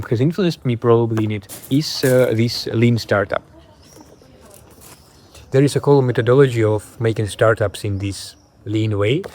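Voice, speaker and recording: A man with a fairly low voice and a Belarusian accent speaks casually to camera. He is reflective and halting, often restarting or repeating a phrase as he looks for the next word. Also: a little mellow. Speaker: video creator and host.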